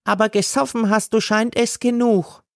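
A male narrator voicing a sharp-tongued woman running a sausage stand, her voice pushed high and shrill. She scolds in indignant bursts, with a gravelly rasp under the shrillness, in a dry, close recording. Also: fairly even intonation, normal speed, no echo. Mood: scolding. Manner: shrieking, indignant outbursts.

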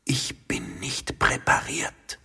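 A man voicing a playful young country woman, whispering softly. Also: on the high side, lively intonation, a little slow, gravelly, slightly rough, big-room sound, voice pushed up, exaggerated voice. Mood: tender.

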